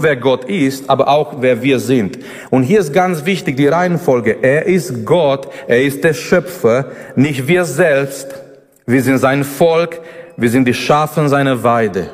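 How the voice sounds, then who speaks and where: A man preaching a sermon, emphatic and repetitive, his pitch rising and dropping from line to line. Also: in a large hall.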